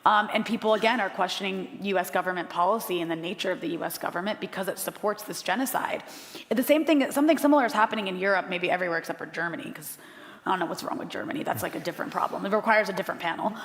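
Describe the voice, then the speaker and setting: An American woman journalist talks fast on a live panel before an audience, her medium-pitched voice echoing through a big room. She's passionate and blunt, her impassioned remarks peppered with "um."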